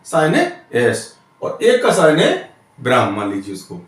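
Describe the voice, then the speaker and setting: A man's voice: medium pitch, huge pitch swings, moderate pace, very echoey, far from the mic. A man teaching Hindi grammar in a classroom style, explaining step by step and often asking the students questions.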